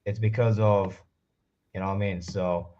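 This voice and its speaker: A man's voice: fairly low pitch, fairly even intonation, moderate pace, highs cut off. A man chatting casually as a wrestling fan co-host, slangy and repetitive, often saying bro. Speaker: wrestling talk show co-host. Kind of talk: casual chat, fan debate.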